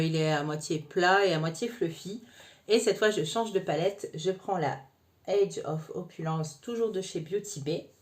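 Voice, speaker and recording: A woman talking the viewer through a makeup tutorial in a chatty, informal way. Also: medium pitch. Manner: chatty, addresses viewer informally with frequent "hein". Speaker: makeup vlogger.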